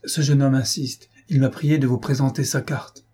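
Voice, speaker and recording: Brief: grumpy elderly female servant in an audiobook, put on by a man, sour tone, husky. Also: mid-range voice, flat delivery, moderate pace, mellow, pitched above the performer's own voice, lightly acted. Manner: sour, grumbling.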